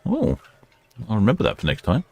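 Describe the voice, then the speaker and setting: A man's voice: lowish voice, wildly swooping pitch, brisk, gravelly, husky. A man hosting a casual live ship-spotting stream, chatting and musing as he watches. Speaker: livestream host.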